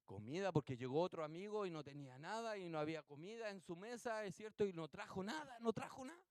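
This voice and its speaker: High-voiced Chilean pastor preaching. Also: male voice, no room sound. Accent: Chilean Spanish. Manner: animated storytelling with rhetorical questions. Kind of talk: sermon. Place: church.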